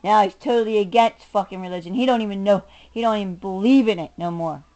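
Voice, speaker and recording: A middle-aged woman vlogs an angry, combative rant at her camera, swearing and leaning hard on her words. Her voice is mellow and medium in pitch, and she talks fast, swinging from muttering to shouting.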